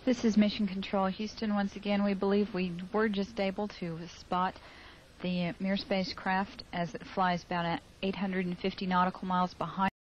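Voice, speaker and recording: A woman giving live spaceflight commentary over a mission control broadcast, measured and halting with fillers. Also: medium pitch, flat delivery. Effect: radio-style mission control broadcast. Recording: dull lo-fi broadcast with faint hiss.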